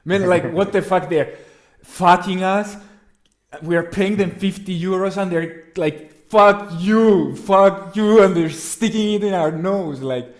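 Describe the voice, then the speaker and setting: Male podcast host, slightly high voice, rambling crude casual banter. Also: measured pace. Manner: rambling, crude, animated when joking. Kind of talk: casual chat.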